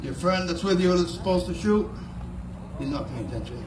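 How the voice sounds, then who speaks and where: A man with a fairly high voice spins a folksy, humorous yarn in the manner of a moose-calling contestant. He is recorded from a distance outdoors at a fair, with echo and clear background noise. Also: lively intonation, normal speed. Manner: folksy, second-person yarn-spinning. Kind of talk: humorous storytelling with moose call demonstrations.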